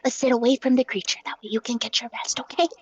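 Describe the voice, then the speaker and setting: Woman as a high-pitched, cheeky motherly little lady. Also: fairly even intonation, fast talker, slightly rough, no echo, lo-fi sound. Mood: soothing. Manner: cooing endearments, cutesy catchphrases. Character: small cheeky motherly woman, soothing and teasing. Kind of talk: tabletop role-play.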